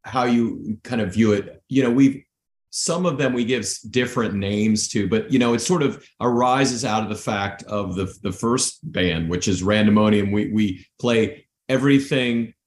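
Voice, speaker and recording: A man who teaches high school, chatting as a podcast guest in a rambling way, full of restarts and "you know". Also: normal speed, reverberant, a little hiss or hum. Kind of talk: casual interview chat.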